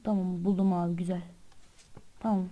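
A woman's voice: lowish voice, little pitch movement, moderate pace, muffled recording. A woman hosting a channel, giving frightened, pleading let's-play commentary on a horror game and swearing often. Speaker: gamer and channel host.

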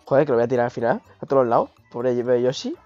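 A man, hoarse from a cold, giving excitable live gameplay commentary, swearing and yelping at mishaps. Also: mid-range voice, fast talker. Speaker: streamer. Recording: dull lo-fi stream audio with game music.

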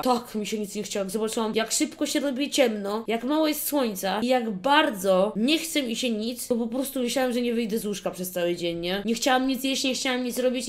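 A young woman chats loosely with her stream audience, her voice sitting a little on the high side. She jokes, swears without a second thought and pokes fun at herself as she reads out viewer messages. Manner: loose, joking, swears freely; self-mocking and playful with viewers. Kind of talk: casual livestream chat, reading viewer messages.

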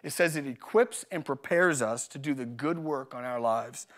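A male pastor preaching a live church sermon, energetic and joking, repeating his key phrases for emphasis. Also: mid-range voice, moderate pace. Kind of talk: live sermon with personal stories. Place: church service.

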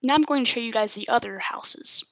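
A woman's voice: on the high side, brisk. Woman rambling through a game tour. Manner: relaxed, rambling with many ums. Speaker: gamer giving a world tour. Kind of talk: casual game tour narration.

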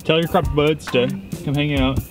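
A man's voice: fairly high pitch, steady tone, normal speed. A young man hosting a fishing vlog from a boat at night, chatty and upbeat as he shows off his catches. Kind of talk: casual outdoor narration. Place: small boat on a lake at night, outdoors. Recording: music mixed in clearly.

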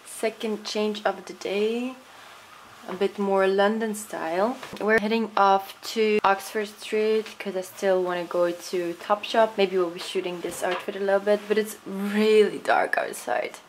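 A woman's voice: mid-range voice, steady tone, measured pace, a little hiss or hum, poor audio. A young woman in casual vlog chat, walking outdoors in a city and talking to a handheld camera, upbeat and chatty with French words mixed in. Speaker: vlogger. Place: walking outdoors on city streets and in a small café. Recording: loud street ambience.

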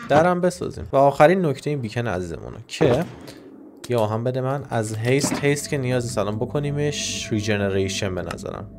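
A man giving excitable, joking commentary over a game, shouting and trash-talking the monsters. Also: medium pitch, a little hiss or hum. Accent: Iranian Persian. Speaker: gaming YouTuber. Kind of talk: Minecraft let's-play commentary.

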